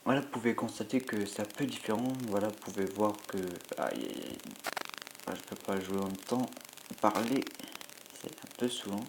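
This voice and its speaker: Stuffy with a cold and worn out after a sleepless night, a man rambles through commentary on a mobile game, hesitant and full of filler sounds. His voice sits on the low side with fairly even intonation at normal speed, against a noisy background.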